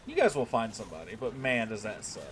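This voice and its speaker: Fast-talking and a bit bright, this American man's fairly low voice swoops wildly in pitch as he chats casually on a gaming live stream. He stays laid-back, reads the chat aloud, and uses lots of tag questions like "right?".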